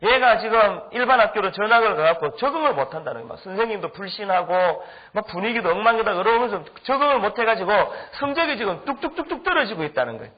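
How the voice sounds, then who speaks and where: A man's voice: sits high, fast talker, few pauses. A middle-aged male pastor telling a humorous story in a sermon, acting out the people he quotes. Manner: animated, humorous anecdotes with acted-out quotes. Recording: dull lo-fi recording.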